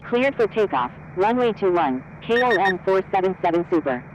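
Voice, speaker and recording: A computer-generated pilot voice comes over the radio from a distance, set a little lower than the tower's voice. It reads back clearances in short, formulaic aviation phrases at a middling pitch, against a faint hum of background noise. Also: big pitch swings, moderate pace, highs cut off. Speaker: airline pilot. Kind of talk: synthetic radio readbacks in a flight simulator.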